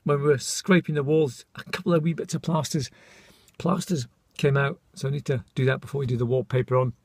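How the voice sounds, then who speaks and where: A man's voice: mid-range voice, fairly even intonation, fairly quick, no echo. A middle-aged man, born in Scotland and raised in England, chatting casually to camera in a daily vlog, self-mocking and calling his viewers folks. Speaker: vlogger.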